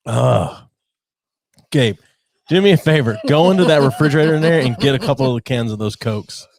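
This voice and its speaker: A male podcast co-host with a plain, mid-pitched voice, blunt and quick to swear. He groans and grumbles his way through complaints, half laughing at himself. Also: a crowd in the background. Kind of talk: casual podcast chat.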